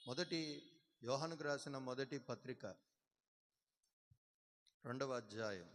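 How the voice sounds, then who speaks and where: A man preaching a sermon as pastor, fervently calling on the congregation to shout responses back. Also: mid-range voice, slow. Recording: long hall reverb.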